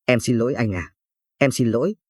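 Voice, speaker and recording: Anxious young wife read by a guy, pleading, husky, dry close sound. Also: mid-range voice, a little fast, no room sound, close to an everyday voice. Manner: pleading, apologetic.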